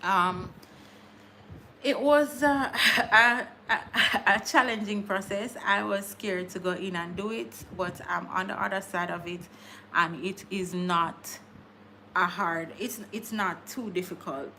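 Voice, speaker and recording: A woman's voice: mid-range voice, unhurried, sharp tone, a little hiss or hum. A woman, hosting a casual live stream, chatting with viewers, laughing often and repeating words as she talks. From Jamaica. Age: 30s. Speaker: livestream host.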